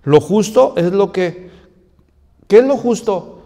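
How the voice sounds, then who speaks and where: A man's voice: high-pitched, lively intonation, takes it slowly, mellow, big-room sound. A male pastor preaching a sermon, telling a story and asking rhetorical questions.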